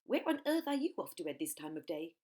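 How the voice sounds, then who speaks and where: A woman's voice: fairly low pitch, sing-song, fairly quick, warm tone. A woman voicing a blustery storybook hippopotamus, exclaiming and scolding in horrified disapproval. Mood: surprised greeting.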